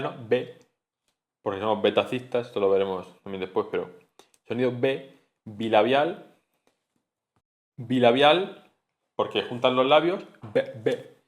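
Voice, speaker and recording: A man giving a spoken phonetics lesson, explaining patiently and repeating sounds and example words aloud. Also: on the low side. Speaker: teacher.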